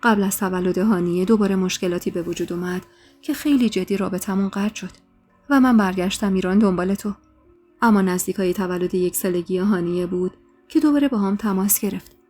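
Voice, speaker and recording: A woman's voice: medium pitch, darkish tone. A woman narrating a dramatic first-person story in an emotional way, growing heated in the dialogue. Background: faint music.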